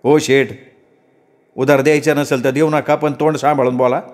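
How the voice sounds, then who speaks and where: A man's voice: mid-range voice, level tone, normal speed, darkish tone, lightly acted. A man voicing a poor young farmer who speaks in a plain, grumbling, resentful way. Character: young male farmer, poor, bitter, weary.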